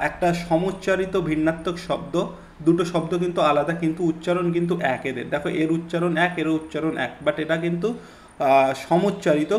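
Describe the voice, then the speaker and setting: A man's voice: a little high, a little mellow. A man patiently explaining an English lesson, repeating his points with many fillers. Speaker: English exam tutor. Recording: echoey room, faint hiss.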